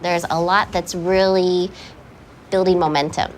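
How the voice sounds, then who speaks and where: A woman's voice: lowish voice, fairly even intonation, unhurried, a little hiss or hum. A woman organizer speaking in a businesslike way.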